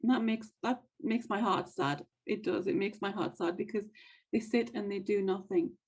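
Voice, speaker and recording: A woman's voice: medium pitch, moderate pace, darkish tone, breathy edge, low-quality recording. Earnest woman coaching listeners. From United States. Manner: earnest, encouraging, repeats key phrases. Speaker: podcast host and wealth coach. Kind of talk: motivational monologue.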